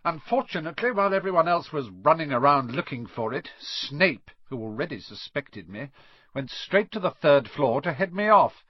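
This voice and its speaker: A man's voice: a little high, animated, normal speed, breathy edge, dry recording. A man voicing a scheming male wizard teacher, cold and servile, in an audiobook reading. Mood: gloating. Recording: dull lo-fi dry recording.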